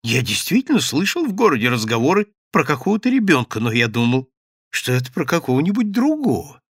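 A man's voice: medium pitch, very animated, brisk, breathy edge, no echo, studio quality. A man voicing a naive, carefree man who sounds lightly puzzled. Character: carefree invisible man, young-ish, naive.

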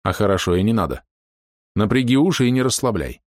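A man reading an audiobook, voicing a confident young mage who gives brisk instructions. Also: lowish voice, sing-song, no echo, clean studio sound. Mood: instructive.

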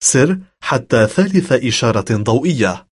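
Male, slightly husky, measured phrasebook narrator for language lessons. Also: medium pitch, big pitch swings. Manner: measured, instructional delivery.

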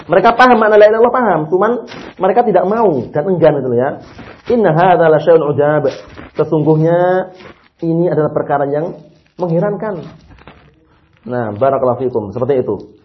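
Man, teaching a religious class, rhetorical questions, muffled lo-fi sound. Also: fairly high pitch. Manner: lively, asks rhetorical questions and answers them himself. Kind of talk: explaining a religious text to a class. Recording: dull lo-fi audio recording.

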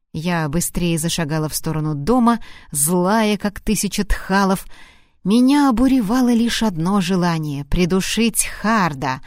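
A woman's voice: mid-range voice, no echo, clean studio sound. A woman narrating a first-person novel as an audiobook reader, reading expressively. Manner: expressive, acting out dialogue.

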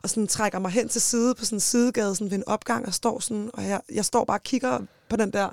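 A young woman telling a personal story in lively bursts as a podcast guest, full of fillers and quick asides. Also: mid-range voice, vocal fry, dry recording, clean studio sound. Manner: lively, talks in fast bursts with frequent fillers. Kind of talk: animated storytelling in conversation.

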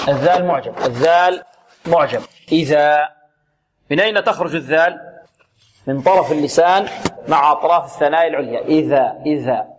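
A man teaching Quranic recitation on a radio lesson, drilling sounds slowly and answering his own questions. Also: on the high side, slight background noise.

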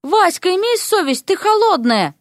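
A woman's voice: extremely high pitch, big pitch swings, normal speed, no room sound, studio quality, voice pushed up. A woman voicing a sleepy, irritable young man woken up. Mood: grumpy. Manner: groggy, irritable. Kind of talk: audiobook character voice.

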